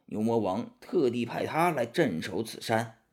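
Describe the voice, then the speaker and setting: A man narrating a children's story with a lively, expressive reading. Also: mid-range voice, a little slow.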